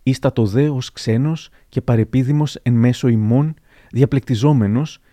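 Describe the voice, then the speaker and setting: A man giving a measured, formal scripted reading of historical anecdotes as narrator. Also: mid-range voice, warm tone, no echo.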